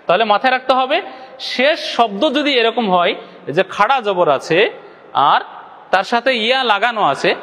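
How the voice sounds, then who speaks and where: A man's voice: extremely high pitch, animated, moderate pace, long pauses, a bit bright, big-room sound. A man from Bangladesh teaching Quran recitation step by step, asking questions, answering them himself and stretching out demonstration syllables to the viewers. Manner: addresses viewers directly. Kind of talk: step-by-step lesson.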